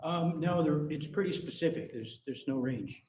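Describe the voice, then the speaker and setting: Man testifying, technical and measured, courtroom recording, roomy echo, heard from afar. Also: fairly high pitch, darkish tone. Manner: measured, technical, with frequent ums and restarts. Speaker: expert witness on phone and vehicle location data. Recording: echoey courtroom audio from a distant mic.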